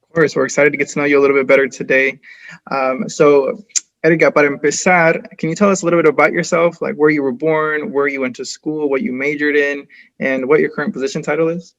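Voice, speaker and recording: A man's voice: on the high side, fairly even intonation, fast talker, a bit bright, highs cut off. A man co-hosting an interview segment, asking long, upbeat, rambling questions. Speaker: co-host.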